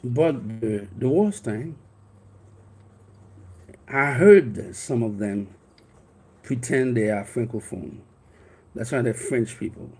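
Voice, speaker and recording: Taking it slowly, with long pauses, a man from Haiti in his fifties tells a personal story in an expressive, medium-pitched voice that is a little mellow and breathy. He's a life coach with a Haitian accent whose first language is Haitian Creole, and he rambles earnestly, restarting often.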